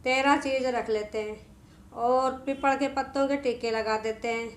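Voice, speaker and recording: A woman storyteller with a high-pitched voice narrates a devotional folk tale in a homely, conversational way, often repeating herself. She speaks unhurriedly with fairly even intonation, and the echoey room adds a noticeable echo.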